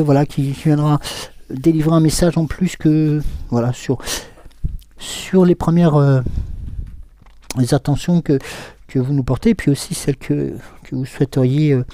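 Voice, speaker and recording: A man's voice: medium pitch, mellow, dry recording. A man giving a live oracle card reading, hesitant and full of fillers, answering viewers' comments as he goes. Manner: hesitant, many fillers and restarts.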